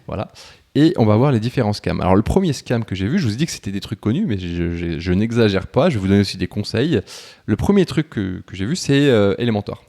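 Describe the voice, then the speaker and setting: Casual, rambling man with a low voice. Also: big pitch swings, fast talker, warm tone. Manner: chatty, informal, full of fillers and restarts. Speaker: YouTuber teaching web freelancing. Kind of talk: casual screen-share tutorial.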